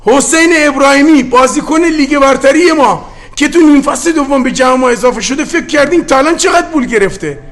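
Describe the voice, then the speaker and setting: A man's voice: extremely high pitch, a bit bright. A middle-aged man from Gilan, a football head coach, speaking with a Gilaki-tinged accent in an impassioned, defiant post-match interview. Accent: Gilaki-tinged Persian. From Gilan, Iran.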